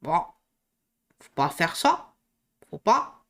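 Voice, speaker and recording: A woman voicing a very old, slow male frog doorkeeper with a hoarse, low, drawling voice and folksy slang. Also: very animated, fairly bright tone, full character voice. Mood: wheezing. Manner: slow and muttering, with folksy slang and wheezing "ouah" breaths.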